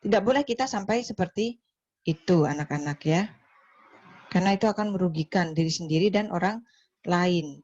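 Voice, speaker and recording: A woman teaching a nursing class online, chatty, ending her phrases with "ya" and acting out patients and nurses in quick little voices. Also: on the low side, darkish tone, no echo. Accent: Indonesian. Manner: chatty, ends phrases with "ya" and "gitu ya". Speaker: nursing lecturer. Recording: slightly dull lo-fi call audio.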